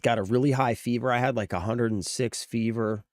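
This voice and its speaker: A sick man running a casual livestream delivers informal gaming news commentary to viewers, his voice strained from near loss. He speaks briskly at a medium pitch with fairly even intonation, and the recording is dry.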